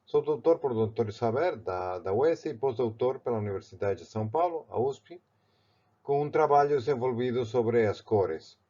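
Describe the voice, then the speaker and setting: An art teacher from Barcelona, Spain, speaks with a Spanish accent as he walks through a painting technique step by step. His delivery is halting, full of restarts and fillers, in a medium-pitched, expressive, mellow voice, and the recording has its highs cut off.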